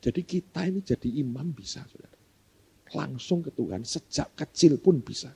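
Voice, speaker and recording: A man's voice: on the high side, lively intonation, moderate pace, creaky, warm tone, slightly rough. A male pastor telling a story in a sermon, chatting with the congregation and acting out both sides of a back-and-forth dialogue. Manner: conversational, keeps addressing the congregation as "saudara"; acts out both sides of a dialogue in a question-and-answer rhythm. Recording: dull lo-fi sermon recording.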